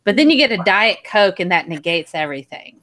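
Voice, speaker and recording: A woman's voice: mid-range voice, sing-song, a little fast, fairly bright tone, a little hiss or hum. A young woman on a video call, telling a personal story animatedly, laughing often and swearing when heated. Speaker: panel guest. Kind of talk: casual group video chat.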